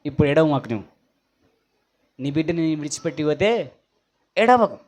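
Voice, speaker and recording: A male pastor, singing worship and then preaching with rhetorical questions and sudden loud exclamations. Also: on the high side, lively intonation, normal speed. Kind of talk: sung worship and sermon.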